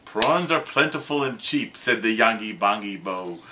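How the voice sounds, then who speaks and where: A man reciting a humorous poem aloud with his child, in a rhythmic, sing-song way with lively emphasis. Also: on the low side, moderate pace, noisy background. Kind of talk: expressive poetry reading.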